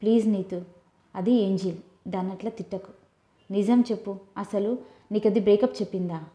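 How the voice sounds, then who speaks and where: A woman voicing a gentle, lovesick young man, pleading softly in an audiobook. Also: mid-range voice, fairly even intonation, normal speed, close to an everyday voice. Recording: roomy echo.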